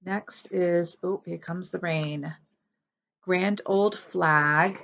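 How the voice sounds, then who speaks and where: A woman talks slowly and casually in a lowish voice, showing her stitching projects. She rambles and corrects herself often. The sound is dull and lo-fi. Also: steady tone, creaky, a bit bright. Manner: chatty, rambling, self-correcting. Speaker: cross-stitch vlogger. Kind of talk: casual show-and-tell chat.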